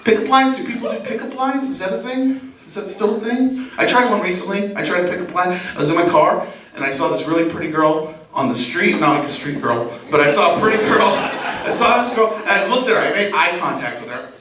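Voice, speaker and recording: A man performing a self-deprecating stand-up set on a club stage, talking animatedly and sometimes breaking into yelling. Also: sits high, a little fast, distant mic. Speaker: stand-up comedian. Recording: roomy club sound with loud audience laughter. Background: audience laughter.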